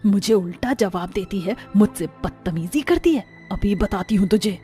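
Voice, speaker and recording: A woman's voice: mid-range voice, expressive, moderate pace, music in the background, close to an everyday voice. A woman voicing a harsh, scolding middle-aged mother-in-law who drawls out insults.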